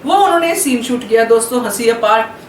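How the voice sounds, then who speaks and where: Chatty female film vlog host with a high voice, recorded far from the mic in a roomy space. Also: expressive, a little fast. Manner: chatty, laughs while telling. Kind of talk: casual storytelling to viewers. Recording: roomy echo, distant mic, faint hiss.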